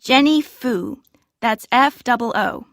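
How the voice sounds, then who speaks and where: A woman's voice: on the high side, slow, no echo, clean studio sound. An actress in her twenties playing a young female student who answers questions for a club form in a scripted listening exercise. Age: 20s. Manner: friendly, answers clearly and spells things out. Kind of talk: scripted exam listening recording.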